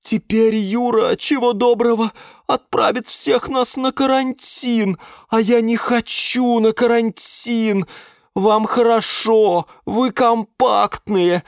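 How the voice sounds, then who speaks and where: A man's voice: very high-pitched, slow pace, clear, resonant tone, no echo, clean studio sound, voice pushed up, full character voice. A man voicing a fussy female vine houseplant in a children's storybook, with a whiny, grumbling manner. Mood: indignant. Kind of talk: storybook reading.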